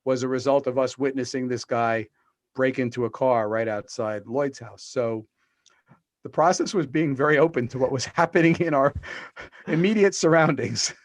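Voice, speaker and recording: A man's voice: medium pitch, moderate pace, no echo. Middle-aged guy on a zoom call, rambly storyteller, lots of ums, dry sound. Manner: rambling storyteller with restarts and fillers. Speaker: podcast guest, author. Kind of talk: casual interview over video call. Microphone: video call.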